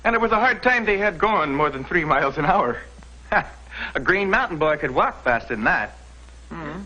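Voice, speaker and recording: An actor playing a jovial Irish captain from the past in a scripted drama, with a leprechaun-like lilting brogue and folksy, chuckling manner. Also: male voice, a little high, lively intonation, normal speed, pushed and bright, poor audio. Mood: merry, folksy. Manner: chuckling, folksy, exclaiming storyteller. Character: jovial red-haired Irish-American steamboat captain from the past. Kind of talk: scripted educational drama acting.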